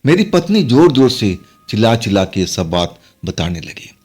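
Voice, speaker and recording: A man's voice: on the low side, big pitch swings, moderate pace, darkish tone, slightly rough. A man telling a first-person horror story in a dramatic, suspenseful way. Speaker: narrator. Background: faint music.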